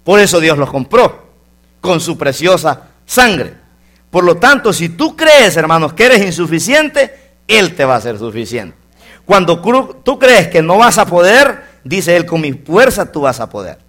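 A man preaching a sermon, swinging between loud exclamations and low asides. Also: big pitch swings, unhurried.

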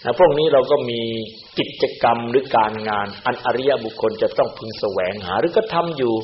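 A man's voice: mid-range voice, brisk. Male monk preaching in a roomy hall. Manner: animated, acts out other people's words in quoted voices. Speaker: Buddhist monk. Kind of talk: Dhamma sermon. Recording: roomy, dull-sounding recording with faint hiss.

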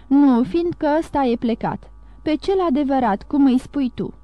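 A woman's voice: sits high, no room sound, lo-fi sound, lightly acted. Woman voicing a cunning young schemer. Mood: confiding. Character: young man, cunning smooth-talking schemer.

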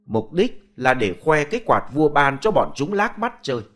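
A man narrating a ghost story as a storyteller, with expressive, animated delivery. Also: a little high, normal speed, faint music behind.

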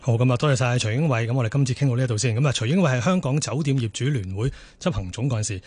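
A man's voice: medium pitch, darkish tone, breathy edge. A male talk radio host thanking guests, inviting calls and introducing the next guest. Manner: brisk, repeats the call-in number.

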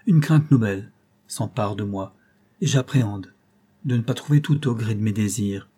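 A man reading aloud, voicing a sad, anxious governess who speaks quickly and pleadingly in a slightly raised voice. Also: on the low side, warm tone, breathy edge. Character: lonely faded woman governess, sad, anxious.

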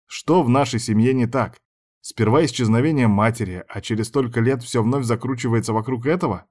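A man reading a first-person novel aloud as a measured, brooding inner monologue. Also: mid-range voice, a little mellow. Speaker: audiobook narrator. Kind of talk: first-person storybook narration.

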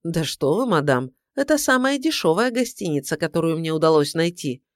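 A woman's voice: deep voice, very animated, brisk, dry recording. A woman voicing a weary sardonic detective. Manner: dry, tired, grudging. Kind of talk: audiobook character voice.

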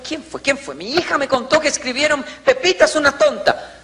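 Brief: man playing a bright, shrill mother who won't stop talking; rapid-fire scolding. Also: animated, heavily acted. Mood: indignant. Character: shrill overprotective mother, loud and nonstop.

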